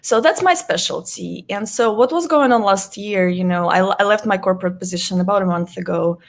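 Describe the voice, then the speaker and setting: A woman's voice: medium pitch, fairly quick, vocal fry. Interview guest: woman, 30s, earnest and explanatory, laughs lightly. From Russia. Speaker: guest, workplace psychologist. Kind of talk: online interview.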